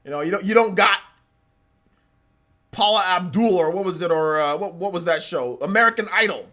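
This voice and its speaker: A man in his mid-forties hosts a live reaction stream and rants at length. His voice is bright and cutting. He sounds exasperated and circles back over the same points. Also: high-pitched, moderate pace. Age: 40s. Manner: ranting, repetitive, exasperated. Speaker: livestreamer.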